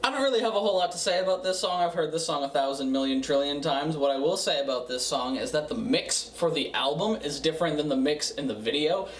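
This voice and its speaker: A man giving a casual, profane music review in a tipsy, rambling way, halting and repeating himself. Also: a little high. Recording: roomy, distant mic, faint noise.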